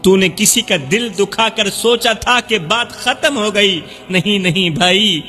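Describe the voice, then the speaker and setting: A man's voice: high voice, pushed and bright, long reverb tail. A male Islamic preacher, giving an emotional sermon full of repeated lines that build to cries. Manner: impassioned, repetitive, rising to cries.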